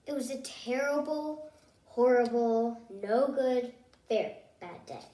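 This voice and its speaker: A woman reading a children's picture book aloud as a storyteller, expressively and in short, measured phrases. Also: fairly high pitch, dark tone. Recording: roomy echo, distant mic.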